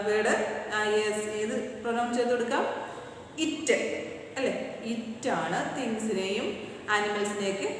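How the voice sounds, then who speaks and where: A woman teaching an English grammar class with a Malayali accent, reading English slowly and explaining quickly in Malayalam. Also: fairly high pitch, slight background noise. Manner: slow deliberate English, rapid Malayalam explanations. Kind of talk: recorded online class lesson. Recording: echoey room, distant mic.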